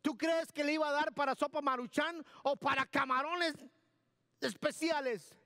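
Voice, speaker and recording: Man, pastor, emphatic sermon, very high voice, dry close sound. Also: fairly even intonation, normal speed, bright, forceful tone, no echo. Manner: emphatic, repeats key words, directs the sound booth. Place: church.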